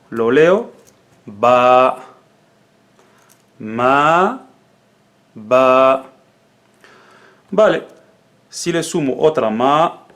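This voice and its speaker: A man whose first language is Arabic gives a calm alphabet lesson at an unhurried pace. He sounds out each syllable slowly and drills it again and again, the way a patient teacher does. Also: medium pitch. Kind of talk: slow spoken lesson.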